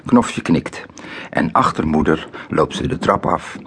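A man narrating a children's audiobook in an expressive way, dropping to a whisper at tense moments. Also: rumbling low, a little slow, slight background noise. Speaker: storyteller.

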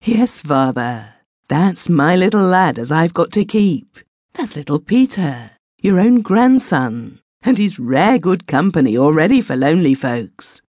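A woman's voice: low-pitched, big pitch swings, a little slow, darkish tone, no room sound, studio quality, voice pushed up, heavily acted. A woman voicing a young widowed mother in a storybook, talking earnestly in rustic country dialect. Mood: coaxing. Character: young widowed mother, humble, pleading daughter.

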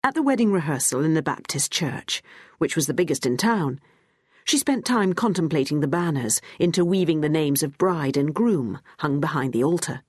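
A woman narrating an audiobook in a measured, expressive way, recorded close to the mic. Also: sits low, slightly rough, no room sound. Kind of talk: scripted narration.

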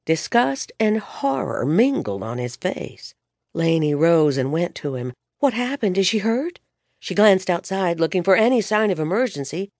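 A woman reading a romance audiobook in scripted narration, expressive storytelling on a close studio mic. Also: fairly low pitch, normal speed, no room sound.

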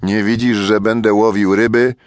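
A man's voice: on the low side, very animated, normal speed, no room sound. A man voicing a bossy, impatient young boy in a children's audiobook. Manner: impatient, scolding.

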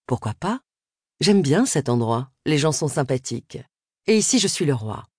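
A woman voicing a confident, flattering male hairdresser in an audiobook, in a lowered, self-assured voice. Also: moderate pace, slightly rough, dry recording, clean studio sound, full character voice.

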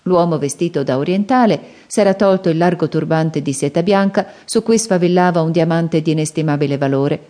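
A woman narrating an audiobook adventure novel in a measured, expressive way. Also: fairly low pitch. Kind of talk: scripted narration.

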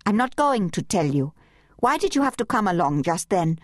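Woman putting on a sulky teenage girl, short answers, higher voice. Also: sing-song, moderate pace, dry recording, studio quality. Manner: sulky, curt.

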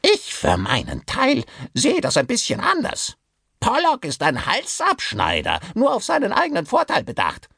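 Give me a sneering, rasping ventriloquist's dummy, high and shrill, spitting insults in a lively, swooping voice. A storybook puppet with a nasty temper, heard up close in a dry recording. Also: male voice, normal speed, dry recording, exaggerated voice. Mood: contemptuous. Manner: insulting, contemptuous.

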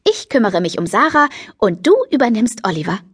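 A woman's voice: mid-range voice, animated, a little fast, slightly rough, no echo, clean studio sound. A woman reading a bubbly, fashion-crazy teenage girl who plays matchmaker, chirpy and pushy in an audiobook.

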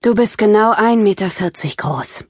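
A woman's voice: mid-range voice, animated, moderate pace, dry recording, clean studio sound, voice pushed up, lightly acted. A woman voicing a snappy, dismissive fourteen-year-old sister in an audiobook. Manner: grumpy, dismissive.

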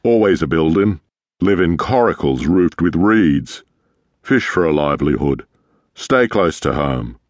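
A man voicing a fat, one-eared, walrus-like ship captain who talks in gruff, clipped, booming bursts. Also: dry recording.

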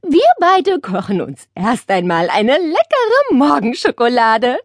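Lady doing an old auntie, slow and gruff, kinda grumbly but soft underneath. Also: high-pitched, sing-song, no echo, studio quality, pitched above the performer's own voice, heavily acted. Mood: kindly. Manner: slow, drawn-out coaxing. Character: old great-aunt, gruff but kind. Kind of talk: audiobook character voice.

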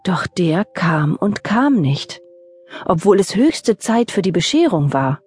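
Breathy woman reading a children's story. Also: fairly low pitch, sing-song, slow pace, a little mellow, soft background music. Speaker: audiobook narrator. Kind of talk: scripted children's story narration.

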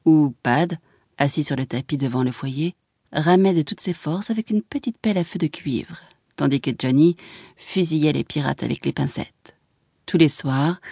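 A woman narrating a literary audiobook in a measured, expressive reading voice. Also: low-pitched, no room sound, clean studio sound.

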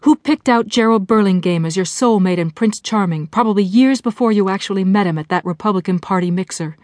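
A woman's voice: mid-range voice, fairly quick, a little mellow, no room sound, clean studio sound, natural voice. A woman voicing a blunt, no-nonsense inner voice of an old female friend, talking furiously and with scorn. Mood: scornful. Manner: furious, disgusted, hectoring.

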